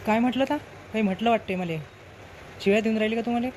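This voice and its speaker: A woman's voice: fairly high pitch, fast talker, darkish tone, a little hiss or hum, natural voice. A woman with a Varhadi Marathi accent playing a grumpy, short-tempered husband who scolds and threatens in a village comedy skit. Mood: accusing. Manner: scolding, nagging, blustering threats.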